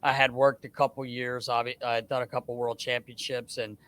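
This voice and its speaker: Animated man telling stories with a bright, dry voice. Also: medium pitch, a little fast, dry recording. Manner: animated storyteller, acts out quoted dialogue, frequent restarts. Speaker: guest, hockey scout. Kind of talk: casual podcast storytelling.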